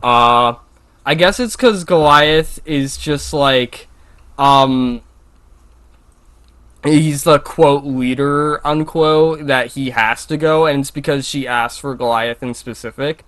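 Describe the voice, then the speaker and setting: A man's voice: medium pitch, takes it slowly, fairly bright tone. A man co-hosting a podcast in casual chat, rambling with fillers and restarts, with a slight lisp. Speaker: podcast co-host.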